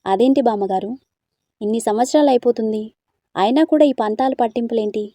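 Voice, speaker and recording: A woman voicing a gentle, teasing young man in a storybook reading, earnest and coaxing. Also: on the high side, a little fast, dry recording, close to an everyday voice.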